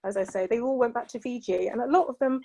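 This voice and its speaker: She talks fast, with vocal fry and a mellow quality, her voice on the high side. This middle-aged Englishwoman with a British accent appears as a panel guest, earnestly reflecting on her own life and often saying "you know."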